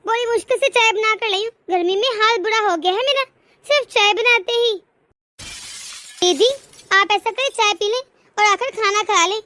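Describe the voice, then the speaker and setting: A woman voicing a complaining, sharp-tongued young wife in a cartoon story. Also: extremely high pitch, normal speed. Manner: whiny, indignant.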